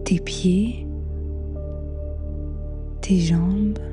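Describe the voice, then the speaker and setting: A woman leading a guided meditation in a soft, half-whispered, soothing voice with long pauses. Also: fairly low pitch, fairly even intonation. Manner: slow, hushed, soothing delivery with long pauses. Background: new-age music.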